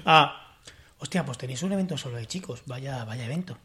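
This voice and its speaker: A man's voice: mid-range voice, brisk. A man, telling stories and acting out examples in a casual group discussion. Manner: animated storyteller, acts out examples. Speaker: podcast panelist.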